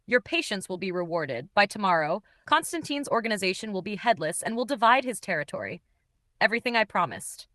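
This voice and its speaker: A woman's voice: mid-range voice, sing-song, brisk, fairly bright tone, no room sound. A woman reading an audiobook, voicing a desperate corrupt male federal agent who talks tense and pushy. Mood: scheming.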